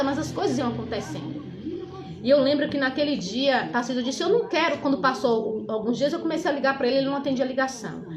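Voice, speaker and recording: A middle-aged woman with a Brazilian Portuguese accent, giving a church testimony to a congregation. She tells her story with many hesitant fillers and builds to fervent preaching. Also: a little high. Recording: echoey hall with crowd.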